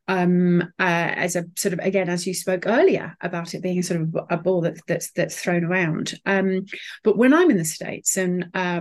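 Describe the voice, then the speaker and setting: A woman speaking as an interview guest, articulate, with frequent fillers and restarts. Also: mid-range voice. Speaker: sustainability consultant, guest. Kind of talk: interview conversation.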